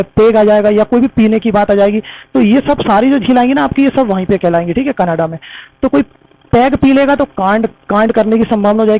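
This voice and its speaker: A man's voice: sits high, darkish tone, no echo, poor audio. A man teaching an exam-prep lesson, repeating memory tricks and calling his viewers friends. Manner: repetitive, addresses viewers as friends.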